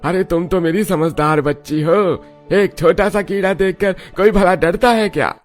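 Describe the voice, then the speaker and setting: A man voicing folksy village farmers in an animated cartoon, with a teasing, chuckling manner. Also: high voice, a little slow, faint music behind. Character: jovial village farmer men, father and friend. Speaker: voice actor.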